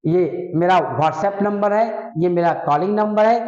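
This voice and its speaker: High-voiced coaching teacher in an echoey room. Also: male voice, unhurried, darkish tone. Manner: repeats "ठीक है ना" as a check-in, coaxing and direct. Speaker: English exam coaching teacher. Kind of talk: casual coaching talk to students. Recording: echoey room, dull lo-fi sound.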